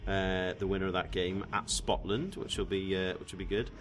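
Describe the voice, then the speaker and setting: A man hosting a casual football chat, relaxed and hesitant, often restarting his phrases. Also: sits low, normal speed, slight background noise. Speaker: podcast host.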